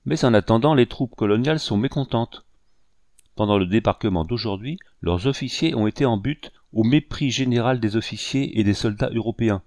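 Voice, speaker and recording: A man's voice: on the low side, fairly quick, hardly any pauses, darkish tone, no room sound, studio quality, close to an everyday voice. A man reading an audiobook, voicing a scheming, resentful captain who feigns indignation. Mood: aggrieved. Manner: feigned indignation, bitter and insistent.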